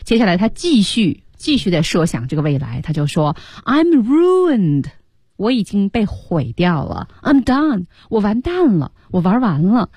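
A woman with a slightly husky voice teaching English on radio, lively in pitch as she guides students through lines. The sound is dry and close, from a studio. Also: normal speed, hardly any pauses, dry recording. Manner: guiding students, repeats English lines expressively. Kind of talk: explaining lesson on radio.

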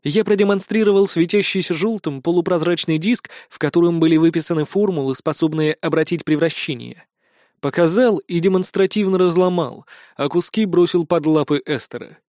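A man narrating a first-person fantasy audiobook in a steady, matter-of-fact manner. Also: fairly high pitch, a little fast, no room sound, studio quality.

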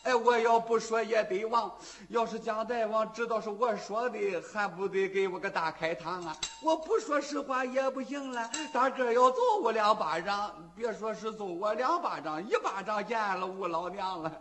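A man's voice: normal speed, few pauses. A man doing a timid old man over sixty. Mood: fretful. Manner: fretful, low and hushed. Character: timid frightened old man in his sixties.

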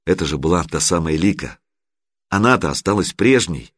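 A man narrating an audiobook in an animated storytelling manner. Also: sits low, normal speed, dry recording, clean studio sound. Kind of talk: expressive audiobook reading.

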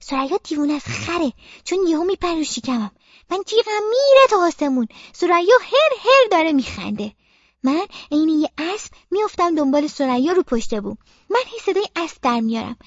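A woman narrating a story as a young girl in the first person, childlike and expressive, with playful sound effects, on a slightly muffled dry recording. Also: very high voice, dry recording. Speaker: audiobook narrator.

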